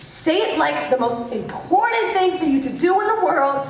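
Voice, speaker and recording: A domineering old schoolteacher barks orders in a high, swooping voice, played by a young woman on stage. The sound comes from far off in an echoey auditorium. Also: expressive, moderate pace, a little hiss or hum. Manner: domineering, bossy, theatrical. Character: strict, cruel older woman schoolteacher and director. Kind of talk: school stage play acting.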